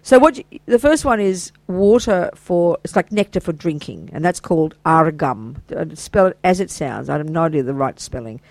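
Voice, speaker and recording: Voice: mid-range voice, lively intonation, moderate pace, hardly any pauses, no echo, low-quality recording. Chatty, enthusiastic older Buddhist teacher. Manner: chatty and enthusiastic, full of warm praise and asides. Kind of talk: informal dharma teaching to a small group.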